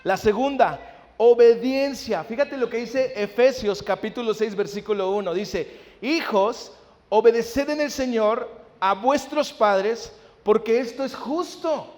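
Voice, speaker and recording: A man's voice: very high-pitched, a little slow, darkish tone. A male pastor, preaching a sermon, often checking in with listeners and acting out family conversations. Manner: acts out family dialogue in anecdotes. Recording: long hall reverb.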